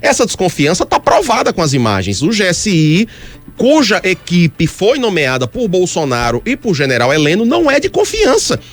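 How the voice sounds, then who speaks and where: A man's voice: high-pitched, huge pitch swings, moderate pace. A man commentating on politics in a heated radio debate, emphatic and argumentative, pressing his point insistently from a radio studio.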